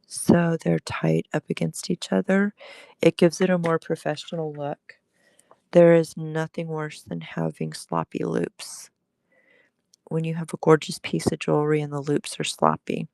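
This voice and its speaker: A woman crafter, still getting over an illness, speaks slowly in a gravelly, low, slightly mellow voice. She chats and greets viewers while demonstrating during a casual live crafting stream from her home crafting space. The recording is dry.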